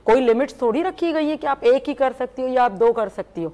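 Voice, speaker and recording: A woman's voice: high voice, mellow. A woman guest on a studio talk show from Pakistan, speaking in an earnest, indignant way and often agreeing with the host.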